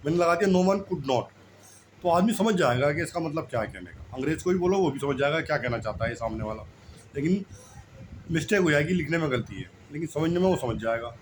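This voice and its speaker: A man's voice: on the high side, expressive, fast, a little hiss or hum, rough recording. A man in casual explanatory talk, telling homespun anecdotes and often checking that the listener has understood. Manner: repetitive, homespun storytelling. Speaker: channel host explaining language.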